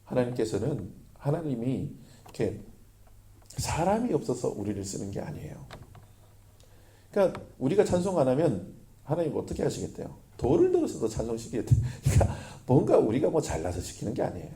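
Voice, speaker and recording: A man preaching a sermon as pastor, lively, often asking the congregation questions. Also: medium pitch, a little fast.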